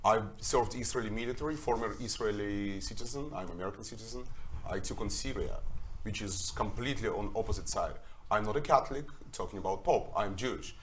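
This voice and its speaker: A man's voice: lowish voice, a little hiss or hum. Man, earnest panelist. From Russia. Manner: earnest, broken grammar, emphatic. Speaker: documentary filmmaker, panelist. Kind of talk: panel discussion.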